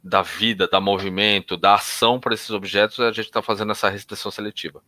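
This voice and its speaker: Low-voiced man explaining patiently. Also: fairly even intonation, fast, pushed and bright, no room sound. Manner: explains with hesitant restarts, demonstrates intonation shifts. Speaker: NLP instructor. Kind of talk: conversational teaching.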